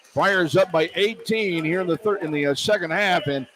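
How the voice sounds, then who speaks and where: Calling a basketball game live for radio, a high-voiced man keeps a moderate pace and narrates each play in terse running fragments. Loud arena ambience surrounds him, so the recording is noisy.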